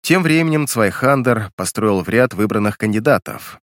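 A man's voice: lowish voice, expressive, normal speed, dry recording, studio quality. A man narrating a first-person audiobook in a wry, colloquial manner.

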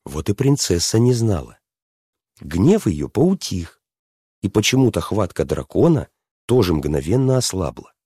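A man telling a fairy tale to a listener, lively and stopping to ask her questions. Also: deep voice, a little slow, breathy edge, dry recording, studio quality. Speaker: storyteller.

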